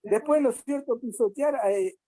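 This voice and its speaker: A woman's voice: high voice, moderate pace, mellow, no room sound, low-quality recording. A woman reviewing a church Bible lesson, asking the listeners questions and hesitating often. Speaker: Sabbath school teacher.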